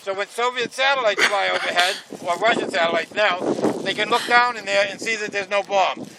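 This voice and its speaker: A man guiding a tour through a missile silo, his voice echoing around the underground space, with a dramatic delivery that slows for emphasis. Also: sits high, heavy background noise. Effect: echoing inside an underground missile silo. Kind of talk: guided tour talk. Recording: echoey silo, voice from a distance.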